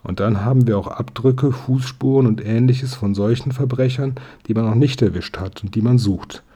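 A man voicing a kindly, friendly police inspector in a storybook reading, with a dark, husky tone. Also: mid-range voice, normal speed, pitched above the performer's own voice, close to an everyday voice.

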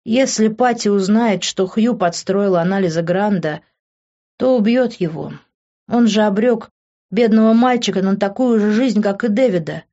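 A woman's voice: medium pitch, moderate pace, dark tone, highs cut off, natural voice. A woman reading an audiobook voices a worried, caring middle-aged mother who sighs wearily. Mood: weary. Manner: soothing, then weary sighs.

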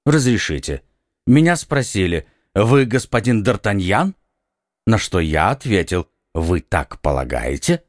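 Man voicing a calm, aloof musketeer. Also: dry recording, studio quality. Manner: calm, low, unhurried and ironic. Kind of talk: audiobook reading.

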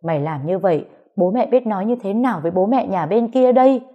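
A woman's voice: mid-range voice, animated, quick pace, dull audio, voice pushed up, natural voice. A woman voicing an older mother in a read-aloud story, scolding her son in distress. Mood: distraught. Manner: scolding, wailing.

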